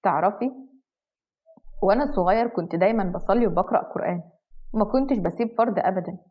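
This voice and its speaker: A woman voicing a repentant young husband who speaks softly and tenderly. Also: medium pitch, quick pace, lightly acted. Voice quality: soft, hushed. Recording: dull lo-fi.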